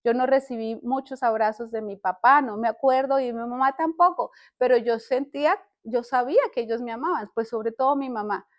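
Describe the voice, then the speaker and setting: An older woman gives a heartfelt faith testimony on a podcast. Her voice sits high, and she speaks earnestly, stopping often to restart a word or a sentence. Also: lo-fi sound. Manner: earnest, halting, with many restarts. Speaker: podcast host.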